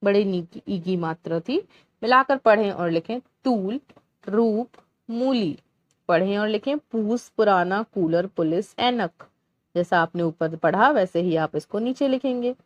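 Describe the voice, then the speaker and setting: A woman teacher slowly walking young children through a Hindi workbook lesson, sounding out syllables clearly one by one. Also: mid-range voice, muffled recording. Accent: Indian Hindi.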